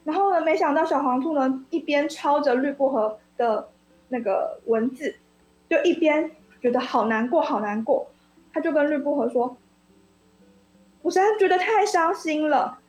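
A woman reading a children's story aloud on the radio, expressive and lively, then discussing it as a guest. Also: high-pitched, normal speed, echoey room, soft background music, low-quality recording. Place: radio studio.

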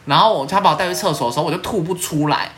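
A woman's voice: low voice, very fast, a little hiss or hum. A young woman with a Taiwanese Mandarin accent, hosting a casual podcast chat and telling stories with lots of laughter and playful swearing. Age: young adult. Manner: animated storyteller, laughs often, swears playfully. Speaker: podcast host.

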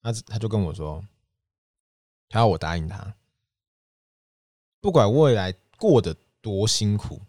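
Young man, Taiwanese Mandarin accent, lowish voice, dry close sound, lively storytelling monologue. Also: a little slow, long pauses, no room sound. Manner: animated storytelling, bursts high when reenacting his younger self. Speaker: podcast host.

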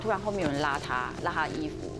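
A woman's voice: sits low, animated, fast, heavy background noise. A woman, hosting a podcast and dramatically telling a ghost story, with frequent fillers and restarts. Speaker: podcast host. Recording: podcast with music underneath.

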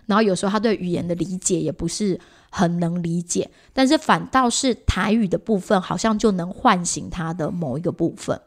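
A woman's voice: on the low side, a little fast. A woman with a Taiwanese Mandarin accent, chatting casually as a co-host and explaining things through examples. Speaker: podcast co-host, parent. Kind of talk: casual conversational chat.

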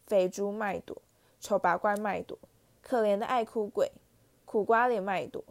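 A woman's voice: mid-range voice, steady tone, moderate pace, vocal fry, no room sound, natural voice. A woman voicing a sulky, tearful teenage girl ghost in a storybook reading. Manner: sullen, tearful.

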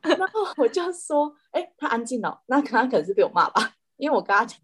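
Animated woman storyteller. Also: high-pitched, fast talker, husky. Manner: animated storyteller, frequent restarts. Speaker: animal communicator guest. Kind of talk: casual podcast chat.

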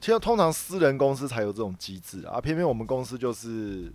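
A man's voice: mid-range voice, big pitch swings, fast, darkish tone, faint music behind. A man with a Taiwanese Mandarin accent, co-hosting a casual podcast chat and telling a long work story that circles back on itself, with many repeated words. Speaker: podcast co-host.

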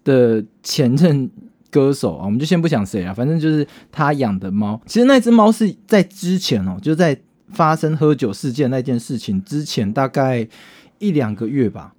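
A man's voice: medium pitch, moderate pace. A man with a Taiwanese Mandarin accent, a band singer co-hosting a podcast, telling a story in casual chat and acting out the dialogue. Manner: animated storyteller, acts out dialogue, swears casually.

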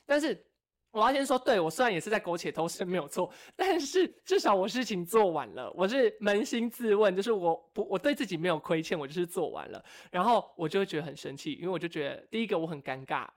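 A young man, co-hosting a casual podcast and telling stories with wry, animated complaints. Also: high-pitched, quick pace. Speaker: podcast co-host. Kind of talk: casual chat.

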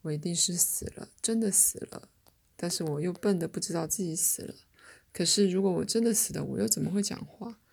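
A newly dead man, bewildered but wry, read by a woman narrating a story, talks about his own death in a matter-of-fact way. The voice is low and husky with some gravel. The character voice stays close to the reader's own. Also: fairly quick, a little mellow.

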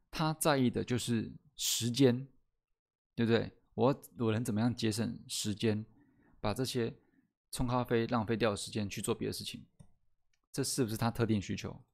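A man hosting a podcast lesson, explaining step by step, often asking "right?" and slowing down to stress key words. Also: fairly low pitch, creaky, darkish tone. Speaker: host teaching sales skills. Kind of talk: solo podcast lesson with slides.

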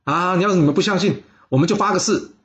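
A man's voice: high-pitched, quick pace, fairly bright tone, highs cut off, pitched above the performer's own voice. A man playing a brash, boastful old warlord. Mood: cocky. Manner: jovial, brash, laughing it off. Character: boastful overconfident ancient male warlord.

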